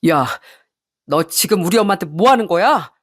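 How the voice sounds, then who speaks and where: A woman's voice: medium pitch, lively intonation, moderate pace, natural voice. Woman doing a whiny, self-pitying husband. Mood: whiny, indignant. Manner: whining, blaming, later pleading.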